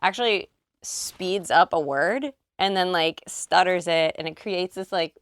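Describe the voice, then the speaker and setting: Bubbly lower-voiced woman producer explaining. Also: a little slow, clean tone, no room sound. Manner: bubbly, chatty, gushing with slang. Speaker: vocal producer explaining her track. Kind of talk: casual studio walkthrough. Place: recording studio.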